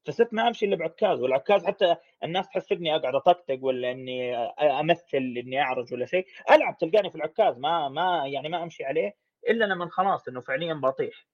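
A man speaks as a podcast guest, his voice sitting a little high. He talks frankly and very quickly, spilling long runs of thought with restarts. The recording sounds dull and lo-fi. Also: lively intonation. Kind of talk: candid casual conversation. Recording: dull lo-fi audio.

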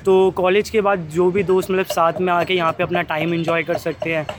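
A young man, a college student, chatting in a relaxed way in a street interview outdoors by a tea stall. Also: high voice, a little fast. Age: young adult. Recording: crowd noise behind.

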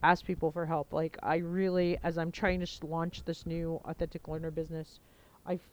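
A woman hosts her podcast in a clear, smooth voice pitched slightly low, with a level tone, a fairly quick pace, and a little mellowness. She talks informally, thinking aloud and drifting between points. The low-quality audio comes from a headset mic as she speaks into her headphones.

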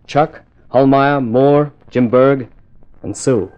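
Lightly acted, a man voices a cool, wry jet test pilot telling his own adventure in clipped, dramatic 1950s radio thriller fashion, tense and wry in mood. His medium-pitched voice is slow, a little mellow and fairly even in intonation, with the highs cut off in this old radio drama that has music underneath.

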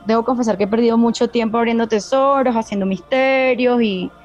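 Woman talking games, higher voice, trails off and hesitates a lot, soft music under it. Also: fairly even intonation, a little fast, lo-fi sound. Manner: hesitant, trailing off, frank opinions. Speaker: guest gamer and psychologist on a game panel. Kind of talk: casual review chat.

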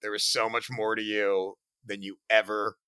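A young man, a stand-up comedian, talking earnestly to camera, swinging between loud bursts and quiet reflection. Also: on the low side, flat delivery, normal speed, clear, resonant tone, no room sound. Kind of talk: reflective monologue.

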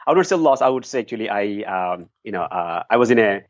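A middle-aged man from Bangladesh, a nonprofit founder, tells his story earnestly as an interview guest. His lowish voice is animated and his pace quick, with no echo. The lo-fi sound is dry and slightly muffled.

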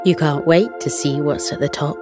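A woman gently narrating a children's bedtime meditation and story in a soothing, coaxing, unhurried way. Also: low-pitched, fairly even intonation, music in the background.

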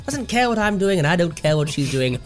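A man's voice: high voice, very animated, fairly quick. A man playing a tabletop game, bantering casually in character. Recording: faint music behind.

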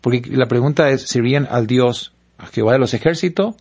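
A pastor from Paraguay telling stories and preaching earnestly, repeating words for emphasis. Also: male voice, medium pitch, brisk, a little mellow. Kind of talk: preaching-style storytelling in a panel talk.

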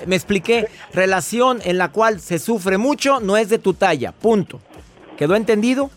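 Man, radio host, emphatic fatherly advice, slightly high voice, faint music behind. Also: animated, moderate pace. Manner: warm fatherly advice, emphatic, rhetorical questions. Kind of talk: call-in advice and interview.

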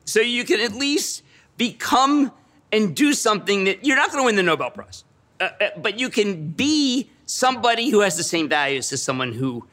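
A middle-aged man being interviewed, talking in an excitable rush and repeating key phrases for effect. His voice sits high and bright and leaps up and down through a lively range. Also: normal speed. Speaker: guest. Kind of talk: animated storytelling in conversation.

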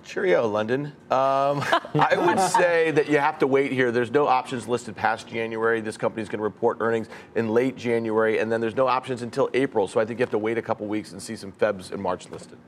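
A man giving market commentary on a financial TV panel in a quick, conversational way. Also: mid-range voice, fairly even intonation, slight background noise. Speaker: options trader panelist.

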